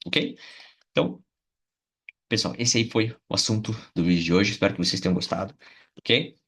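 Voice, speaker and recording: A man from Brazil teaching an English lesson on video, with a fairly low, husky voice. He patiently repeats words slowly and keeps checking in with his viewers. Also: expressive, a bit bright.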